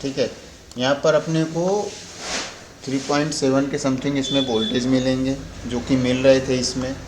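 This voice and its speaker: Here an Indian man explains a repair informally, one step at a time, restating his points as he goes. He speaks at medium pitch with a level tone and normal speed, captured with roomy echo and a little background noise.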